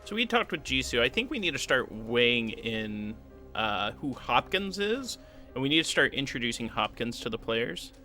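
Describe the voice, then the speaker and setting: A game master prepping his tabletop campaign on a casual solo stream speaks in a mid-range, sing-song voice at normal speed, bright and forceful. He thinks aloud, reads long rulebook passages, and occasionally hums to himself over background music.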